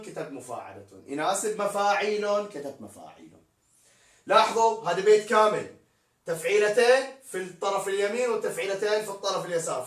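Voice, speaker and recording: A man teaching poetic meter in a live-streamed lesson, spelling out words letter by letter as he explains. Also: high voice. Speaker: poetry teacher. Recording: echoey room, distant mic.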